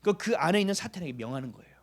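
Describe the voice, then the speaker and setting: A male pastor delivers a sermon in a high, lively voice whose pitch swoops up and down. He keeps questioning his listeners and then answering himself. For emphasis he sometimes sinks to a hushed near-whisper. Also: very fast. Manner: animated, asks the congregation questions and answers them.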